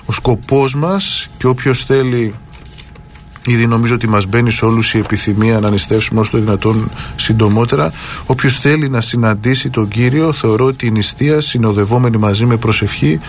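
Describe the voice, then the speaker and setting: A man on a radio Bible discussion, explaining earnestly, often pausing with fillers and quoting scripture at length. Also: mid-range voice, steady tone, a little hiss or hum. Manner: quotes scripture aloud at length.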